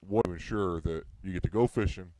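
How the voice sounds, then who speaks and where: A low-voiced man hosts a fishing radio show and steers the conversation with easygoing prompts. His voice sounds dry and close, with no room around it. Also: fairly quick, mellow, no echo, poor audio. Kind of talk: casual chat.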